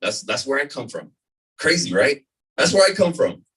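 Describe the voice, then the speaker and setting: Energetic man pitching to a room. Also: normal speed, breathy edge. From California desert, US. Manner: energetic, repeats points, asks "right?". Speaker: presenter at a business opportunity meeting. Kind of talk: live sales presentation to a room. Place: meeting room before an audience. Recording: voice from far off in a room.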